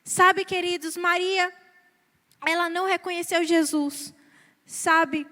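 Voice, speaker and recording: Brazilian woman preacher, very high voice, earnest sermon, long hall reverb. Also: steady tone, slow, sharp tone. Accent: Brazilian Portuguese. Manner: earnest, repeats "sabe, queridos" to the congregation.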